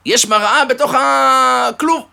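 A man's voice: extremely high pitch, gravelly, pushed and bright, voice pushed up, heavily acted. A man voicing a know-it-all pet shop owner who chides a customer in a joke. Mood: chiding. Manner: chiding, matter-of-fact.

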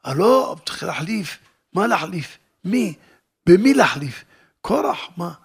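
A man voicing a sensible wife who talks her husband out of joining a rebellion, in hushed, dismissive questions. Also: sits high, sing-song, gravelly, slightly rough, full character voice. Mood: scolding.

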